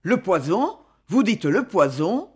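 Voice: medium pitch, sing-song, slow pace, husky, full character voice. A curt, tense young rajah, as a reader puts him on. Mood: tense, irritated. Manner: curt, clipped, irritated.

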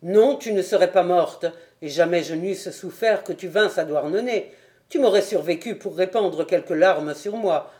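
A woman reading aloud voices an anguished proud nobleman in an audiobook, declaiming his laments loudly in a lower, mellow tone. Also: moderate pace, close to an everyday voice. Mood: bitter grief.

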